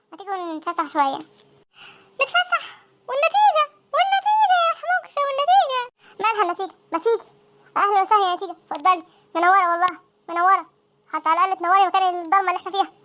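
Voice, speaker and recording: Panicky teenage students in a comic cartoon, with an Egyptian accent, all voiced by a woman. The voices are extremely high and sharp, in squeaky, sped-up chatter at a breakneck pace. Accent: Egyptian Arabic. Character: panicky teenage students dreading exam results.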